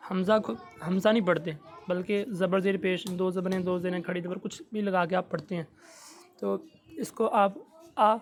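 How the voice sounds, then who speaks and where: A man with a high voice teaches Quran recitation in a recorded lesson, explaining patiently and slowly drawing out the sound of each letter.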